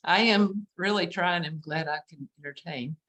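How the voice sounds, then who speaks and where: A woman with a West Texas accent, a painter being interviewed over a video call, who talks in a self-deprecating way with halting restarts. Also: on the low side, fairly bright tone, poor audio. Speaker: guest painter. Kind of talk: casual interview chat.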